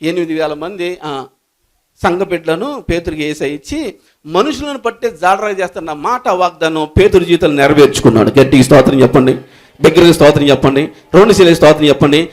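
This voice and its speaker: A man preaching a sermon as pastor, calling out to the congregation to give praise and building to shouted refrains. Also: on the high side, fast talker.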